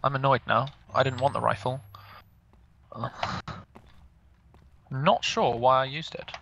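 A man's voice: medium pitch, a little slow, vocal fry, fairly bright tone, dull audio. A young man chatting and joking while playing an online shooter, giggly and sarcastic. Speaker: gaming commentator. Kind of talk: casual gameplay chat. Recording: faint background noise.

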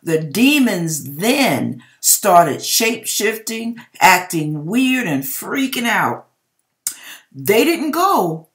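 Extremely slow and sing-song, her mid-range voice carries a dramatic reading of dreams sent in by viewers. She's a middle-aged American host in a home kitchen, speaking straight to her audience and drawing out each word with theatrical emphasis.

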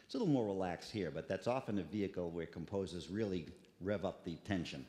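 Male music lecturer, lowish voice, scats rhythms mid-sentence; echoey hall sound. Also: animated, fast, dark tone. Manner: scats rhythms to illustrate, restarts words. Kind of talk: lecture with live musical examples. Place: concert hall. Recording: echoey concert hall with long reverb.

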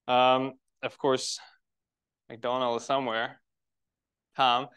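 In a lecture room, a French-Canadian biologist from Quebec gives a conference lecture to a birding club as a public talk. His medium-pitched voice is level, slow, smooth and a bit bright, with a Quebec French accent. He's friendly, asks rhetorical questions and restarts phrases.

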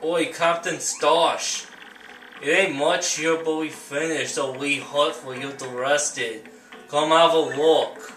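Man doing a pirate sailor voice, loud, slow, hearty, raised pitch, roomy echo, distant mic. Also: steady tone. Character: rough male pirate sailor, friendly. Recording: roomy, distant camcorder with noise.

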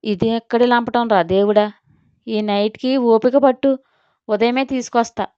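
A woman's voice: a little high, steady tone, moderate pace, mellow, smooth, no room sound, lightly acted. A woman voicing an easygoing, jokey middle-aged father in a storybook reading, talking in a light teasing way. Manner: teasing, then sheepish. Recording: dull lo-fi, dry.

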